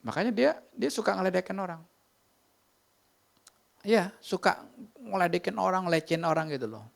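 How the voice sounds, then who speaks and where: A man with an Indonesian accent preaching a sermon from a church stage, moving between lively emphasis and hushed whispers. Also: sits high, moderate pace, vocal fry. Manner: animated preaching, drops to whispers. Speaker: pastor. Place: church sanctuary.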